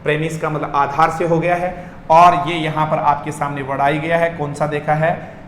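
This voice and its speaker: Energetic man teaching with echo. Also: fairly high pitch, moderate pace. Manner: energetic, keeps asking the class to repeat words. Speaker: English teacher. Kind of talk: online lesson in Hindi mixed with English. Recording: echoey room with long reverb and faint noise.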